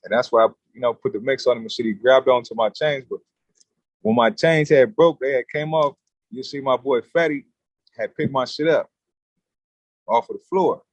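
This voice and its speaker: A man telling a story as a podcast guest in casual street slang, animated and blunt. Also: medium pitch, normal speed, no room sound, lo-fi sound. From California.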